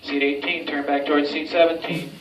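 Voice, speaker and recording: A man's voice: fairly high pitch, little pitch movement, brisk. Distant, echoey male instructor over noise. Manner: directive, informal. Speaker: military-style hypoxia training instructor. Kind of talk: instructing a group through drills. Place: enclosed training chamber. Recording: roomy, distant mic, clear background noise.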